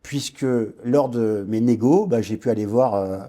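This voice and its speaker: Man, 40s, from French Guiana, mellow voice, hesitant storytelling, podcast guest. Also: mid-range voice, moderate pace. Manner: reflective storytelling, frequent hesitations and restarts. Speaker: guest entrepreneur. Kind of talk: podcast interview.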